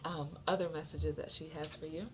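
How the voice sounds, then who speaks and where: With music playing behind, the card reader gives viewers a channeled reading at a medium pitch and fairly even intonation. Phrases get repeated for emphasis, broken up by frequent pauses and filler words.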